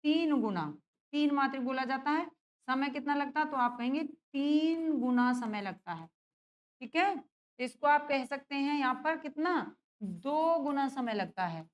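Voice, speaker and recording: Woman teacher, high voice, exam-prep lesson; keeps asking the class and answering herself. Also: a little slow, lo-fi sound. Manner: checks in with students often, asks and answers own questions.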